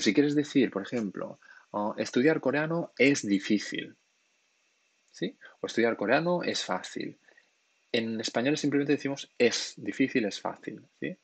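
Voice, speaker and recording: Husky-voiced man teaching on a livestream. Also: mid-range voice, dry recording. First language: Spanish and Catalan. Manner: patient, explanatory, keeps checking in with "¿sí?". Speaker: Korean language teacher on a livestream. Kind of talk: live-stream lesson, reading chat questions.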